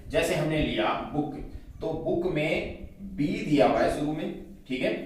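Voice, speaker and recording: A male teacher giving a grammar lesson, explaining patiently and checking in often with his class. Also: a little high. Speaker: English teacher. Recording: very echoey room, mic at a distance.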